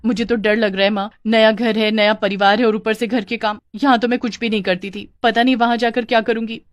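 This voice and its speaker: A woman's voice: on the high side, little pitch movement, fairly quick, no room sound, lightly acted. A woman voicing a kind, hardworking young bride in a cartoon story, who speaks politely and earnestly.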